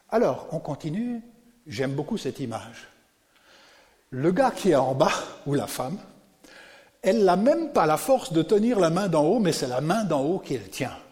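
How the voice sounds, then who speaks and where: A man preaching a sermon to a congregation, animated and often putting questions to his listeners. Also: a little high, a little slow, long reverb tail. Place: church.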